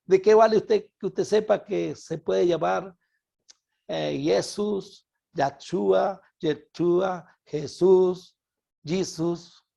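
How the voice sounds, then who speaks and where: A man from Venezuela with a Venezuelan Spanish accent, preaching a Bible study sermon in an animated way and repeating words for emphasis. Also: sits high, very slow, vocal fry, muffled recording.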